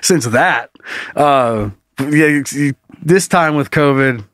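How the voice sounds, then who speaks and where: A man's voice: mid-range voice, slow, a bit bright, no echo, studio quality. A middle-aged man who is sick, bantering casually as a podcast host through a face mask that slightly muffles him. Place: small indoor podcast studio. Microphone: podcast microphone on boom arm.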